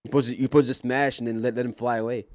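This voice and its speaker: A man streaming live, reacting to clips in a relaxed, slangy, joking way. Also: medium pitch, very fast, background noise. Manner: laid-back, joking, slangy commentary. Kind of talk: casual live-stream chat.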